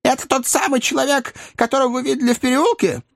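A man reading an old lady, falsetto-high, shrill, accusing, lively pitch, dry close sound. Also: fast talker, vocal fry, no echo. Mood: indignant.

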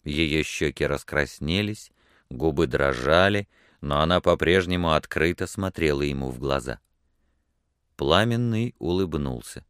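Male audiobook narrator, very low and smooth, dry close sound, steady reading. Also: a little slow, dry recording.

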